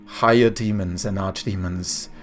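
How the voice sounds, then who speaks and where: A man's voice: low-pitched, steady tone, soft background music, voice pushed down. A man playing a solemn ancient archangel. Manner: solemn, slow and formal. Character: grave ancient male archangel, wise and stern.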